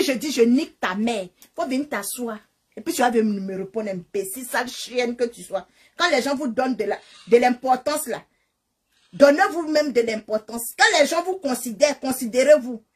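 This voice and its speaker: A woman's voice: fairly high pitch, expressive, moderate pace, husky. A woman streaming live from her phone, ranting angrily and hurling taunts and insults at a rival. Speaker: social media live streamer. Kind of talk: angry insult-filled rant to a phone. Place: living in Canada. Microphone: phone camera.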